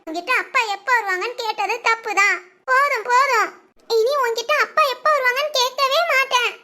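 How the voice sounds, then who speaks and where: A lady putting on a tiny whiny kid voice, super high and bright, drags out his words begging for dad. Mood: sulky. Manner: pleading, drawn-out whining. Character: small boy, whiny and clingy, missing his father. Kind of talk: storybook short drama.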